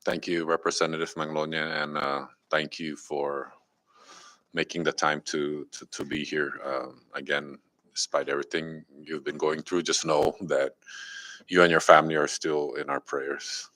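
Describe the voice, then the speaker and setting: A man's voice: rumbling low, flat delivery, normal speed, bright, forceful tone, no echo. A man acting as speaker of a legislature, formally recognizing members during a session. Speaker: speaker of the house, chairing.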